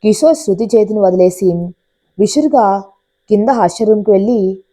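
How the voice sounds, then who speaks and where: A woman narrating an audiobook story with expressive storytelling. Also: mid-range voice, moderate pace.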